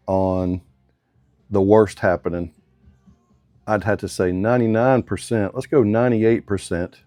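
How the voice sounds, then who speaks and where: A man's voice: on the low side, a little mellow, no echo, studio quality. A man working as a motorcycle mechanic who talks through a hands-on workshop demonstration in casual, drawling shop talk with slang.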